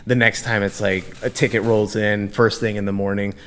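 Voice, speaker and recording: A man from Texas talking as a guest chef on a podcast, relaxed, with frequent laughs and fillers. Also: on the low side, normal speed. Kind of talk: casual podcast chat.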